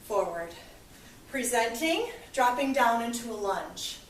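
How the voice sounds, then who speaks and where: A woman fitness instructor talks students through a leg workout, counting down reps and cheering them on. She sounds a little out of breath from moving along with them. Her voice is on the higher side and comes from a distance in a roomy space with a faint hum of ambience. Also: big pitch swings, measured pace. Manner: upbeat, encouraging, counting reps. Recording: echoey room, voice from a distance.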